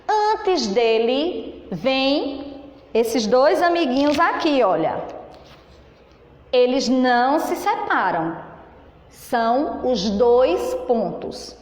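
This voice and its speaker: A Brazilian woman teaching a children's lesson on punctuation, speaking slowly and in a singsong way for young pupils. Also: high-pitched. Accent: Brazilian Portuguese. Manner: slow and singsong, stretching words for young pupils. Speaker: primary school teacher. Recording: echoey room with long reverb.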